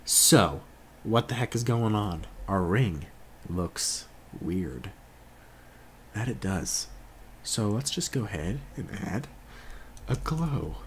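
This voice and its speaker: A young man hosting a casual software tutorial, laid-back and jokey, often correcting himself as he works along. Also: fairly low pitch, expressive, takes it slowly, pauses often, a little hiss or hum. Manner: laid-back, jokey, self-correcting, talks while working. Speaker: tutorial host.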